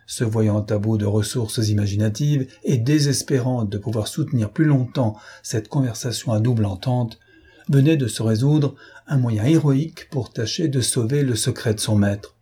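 Man reading a classic novel, dark husky voice, measured. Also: mid-range voice. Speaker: audiobook reader.

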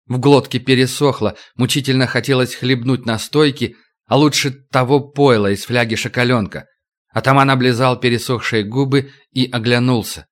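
A man's voice: medium pitch, fairly bright tone. Man narrating an audiobook. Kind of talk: scripted narration.

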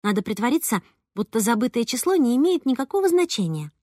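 A woman narrating a first-person novel in an even, clear storytelling voice. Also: a little high, fast talker, dry recording, studio quality. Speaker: audiobook narrator.

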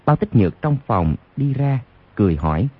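A man's voice: medium pitch, very animated, moderate pace, breathy edge, no echo. A man narrating a martial arts novel as an audiobook on radio, reading expressively. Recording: lo-fi radio recording.

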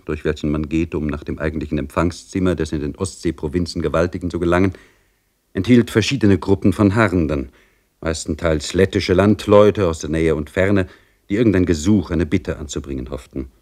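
Man, very deep voice, audiobook reading, measured, dramatic storytelling. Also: a little mellow. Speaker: audiobook reader.

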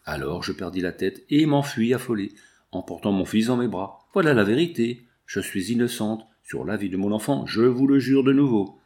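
A man's voice: lowish voice, lively intonation, normal speed, a little mellow, lightly acted. A man reading the part of an anguished young widowed mother, pleading and emotional.

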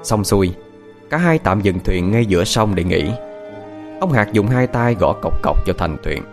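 Male ghost-story narrator, lower voice, animated delivery, faint music bed. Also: normal speed. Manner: expressive, storytelling cadence.

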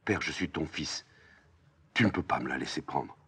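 A man's voice: very deep voice, lively intonation, normal speed, a bit bright, slightly rough, exaggerated voice. A man reading a play aloud, voicing an anguished young man crying out to his father. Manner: desperate cries.

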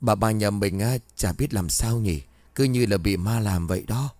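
A man's voice: fairly low pitch, moderate pace, darkish tone, no echo, natural voice. A man voicing frightened household servants gossiping behind a door in a ghost story. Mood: gossipy. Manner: gossipy, whispering behind doors.

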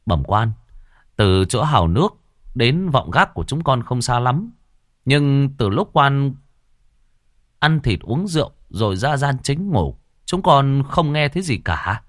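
Humble male soldier, plain voice, halting report as a narrator puts him on. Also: mid-range voice, sing-song, dry recording, clean studio sound, voice pushed up. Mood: hesitant. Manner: deferential, hesitant.

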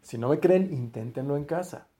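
Male pastor, mellow tone, talky sermon delivery that trails off softly at phrase ends. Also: a little high, lively intonation, moderate pace. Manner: conversational, restarts phrases, voice often drops to a quiet close.

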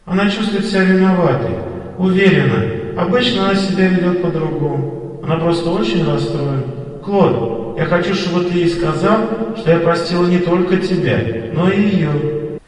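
A man voicing the gentle, forgiving ghost of a murdered wife in a soft, calm voice. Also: high voice, normal speed, heavy reverb, long reverb tail, distant mic, pitched above the performer's own voice, natural voice, rough recording.

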